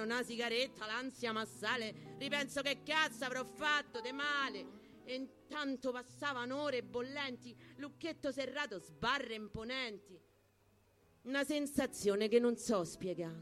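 A poetry performer with a Roman accent and a high, slightly bright voice recites rhymed verse over guitar music. The spoken-word delivery is theatrical and emphatic.

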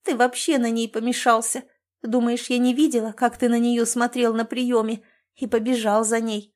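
Woman performing: hysterical wife, sobbing and shrieking, pitched up and loud. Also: flat delivery, normal speed, lightly acted. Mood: hysterical, crying. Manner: shrill, tearful, screaming. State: crying.

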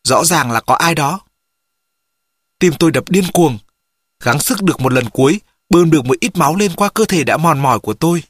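A man narrating an audiobook in the first person, in a measured storytelling manner. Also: a little high, lively intonation, slightly rough.

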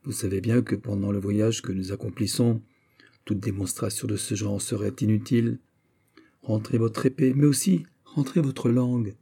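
A man voices a proud young nobleman who rebukes his rival with icy, measured calm. His low, husky delivery stays controlled and stern. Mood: cold. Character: cold, dignified young male nobleman.

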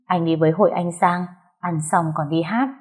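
A woman's voice: fairly low pitch, steady tone, normal speed, husky. A woman voicing a drunk young husband who coaxes and teases his wife, in a told story. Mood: coaxing.

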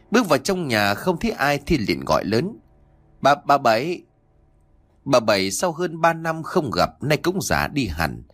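A man narrates a ghost story with an animated, rising and falling delivery. He sounds dry and close to the mic. Faint music plays underneath. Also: mid-range voice, dry recording. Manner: lively, expressive reading, voicing each character's lines. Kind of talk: storytelling narration with character dialogue.

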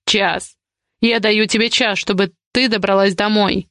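A woman's voice: fairly even intonation, a bit bright, no echo, studio quality. A woman reading the lines of an angry, possessive man, a domineering guardian, with curt commands. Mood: restrained. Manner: curt, commanding, low and slow.

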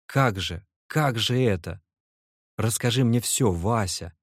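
A man voicing an excitable, effusive young male clerk in an audiobook, exclaiming emotionally. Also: lowish voice, slow pace, dry recording, clean studio sound. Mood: excited.

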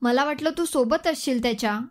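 A woman's voice: high-pitched, a little fast, lightly acted. A woman voicing a reassuring young man.

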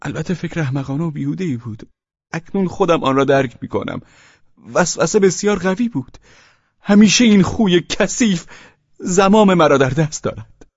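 A man voicing an anxious, fawning middle-aged man who pleads and stammers in a raised, wavering voice. The tone is husky and dry. The recording has a dull, lo-fi sound. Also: animated, a little mellow, dry recording. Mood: effusive. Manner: pleading, stammering and high-strung.

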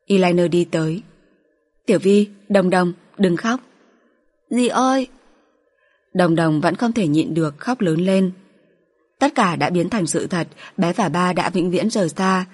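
A woman narrates an audiobook in a steady, even manner. Her voice sits fairly low and has a husky grain. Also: normal speed.

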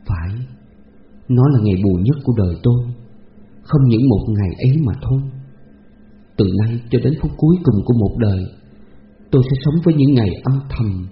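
A man's voice: medium pitch, a little fast, pauses often, lightly acted. A man playing a sorrowful, resigned young man. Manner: earnest, consoling delivery. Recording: roomy, dull lo-fi recording with faint hiss.

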